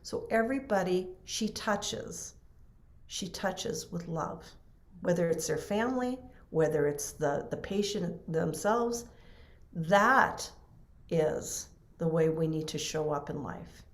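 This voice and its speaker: A woman being interviewed on a podcast shares an emotional personal story with earnest, casual storytelling, voicing the words of others. Her voice is lowish with lively intonation, she speaks slowly, and the recording is reverberant.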